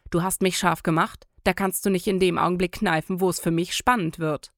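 A woman's voice: lowish voice, steady tone, brisk, a bit bright, dry recording, clean studio sound. A woman voicing a cool, controlling young man in an audiobook, firm and commanding. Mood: insistent.

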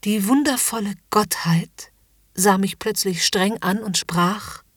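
Breathy whispering woman narrator. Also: mid-range voice, takes it slowly, no echo, studio quality. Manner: soft, hushed, submissive first-person narration. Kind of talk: whispered role-play.

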